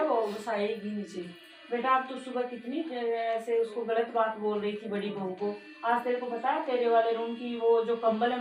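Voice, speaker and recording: A woman's voice: on the high side, lightly acted. A woman playing a fair-minded middle-aged mother-in-law in a home family skit, coaxing and reasoning. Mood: explaining. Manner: coaxing, keeps calling others 'beta'. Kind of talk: amateur home drama acting. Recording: echoey room, distant mic, faint music.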